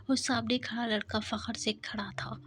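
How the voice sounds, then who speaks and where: A woman's voice: on the high side, little pitch movement, a bit bright. Whispering woman reading a novel. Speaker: novel narrator.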